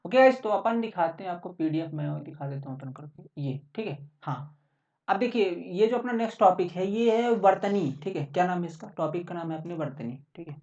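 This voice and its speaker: A man's voice: sits high, expressive, a little fast, a little mellow. Man, exam coaching teacher, casual lesson, keeps checking in, echoey room, muffled. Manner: chatty, keeps checking in with listeners. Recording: roomy, distant, dull sound.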